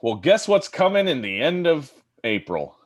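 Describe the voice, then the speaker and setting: A man's voice: on the high side, sing-song, normal speed. A man co-hosting a podcast, chatting casually and teasing his friends, often restarting and trailing off. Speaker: podcast co-host. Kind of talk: casual chat.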